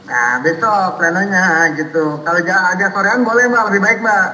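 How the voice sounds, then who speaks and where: A man in a casual phone conversation, heard as a call played back over a loudspeaker, talking insistently with many restarts and murmured agreement. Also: high voice, moderate pace. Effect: phone call played over a courtroom loudspeaker. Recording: echoey, distant loudspeaker playback in a hall.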